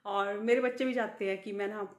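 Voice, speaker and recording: A woman's voice: mid-range voice, steady tone, a little fast. A middle-aged woman vlogging in casual chat to the camera, laughing often as she talks. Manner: laughs often while talking. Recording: echoey room.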